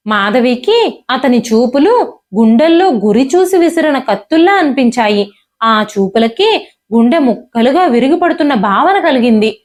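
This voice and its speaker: A woman's voice: high-pitched, sing-song, moderate pace. A woman telling a dramatic family story in an emotive audiobook reading. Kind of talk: audiobook narration.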